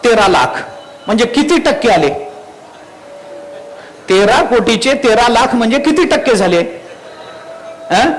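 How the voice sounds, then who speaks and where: Brief: male kirtan preacher, Marathwada accent, high voice, peppers the crowd with rhetorical questions, faint ambience behind. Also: lively intonation, measured pace, long pauses, slight background noise, low-quality recording. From Marathwada, India. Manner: quotes Sanskrit verses. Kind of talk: devotional kirtan discourse.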